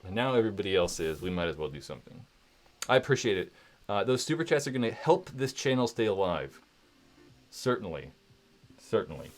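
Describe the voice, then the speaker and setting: A man's voice: fairly low pitch, very animated, brisk, pauses often. A man hosting a casual livestream from home, rambling and candid, filling his talk with "like" and "right?" and swearing now and then. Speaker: livestream host.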